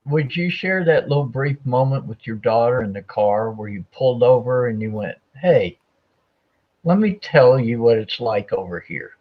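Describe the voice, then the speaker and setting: A man co-hosting a livestream over a video call, warmly encouraging a guest to share a story. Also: mid-range voice, expressive, normal speed, dull audio. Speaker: co-host of a livestream conversation. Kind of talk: casual livestream chat.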